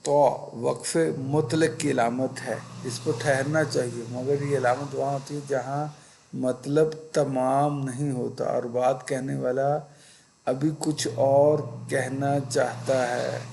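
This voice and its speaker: Male Quran teacher, patient and deliberate, with a gravelly rasp and faint noise behind him. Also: medium pitch, little pitch movement, mellow, rough recording. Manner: patient, deliberate, searching for words mid-sentence. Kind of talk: religious lesson, explaining step by step.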